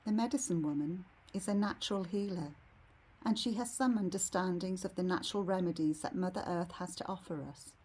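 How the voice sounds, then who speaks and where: Serene, low husky woman guiding meditation. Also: a little mellow. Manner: serene, unhurried, soothing delivery. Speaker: guided meditation leader. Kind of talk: guided meditation narration.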